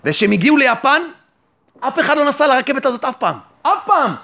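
A rabbi giving a fervent sermon, who keeps asking the listener rhetorical questions and answering them himself. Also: male voice, very high voice, big pitch swings, bright, forceful tone. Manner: fervent, exhorting the listener directly. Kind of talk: sermon on faith and trust.

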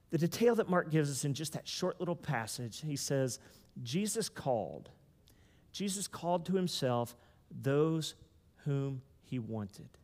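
Animated male pastor in a reverberant hall. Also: fairly high pitch. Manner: animated, conversational, joking asides. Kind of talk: sermon.

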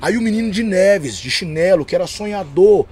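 A man with a São Paulo accent, a gospel rapper and preacher telling stories as a podcast guest, slangy and animated, acting out the dialogue. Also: high voice, brisk. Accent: São Paulo Portuguese. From São Paulo, Brazil. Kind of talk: casual storytelling chat.

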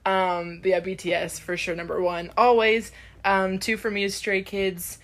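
A woman's voice: medium pitch, level tone, moderate pace, a bit bright. A young woman co-hosting a casual fan podcast, gushing and laughing as she talks. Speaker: podcast co-host. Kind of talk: casual chat.

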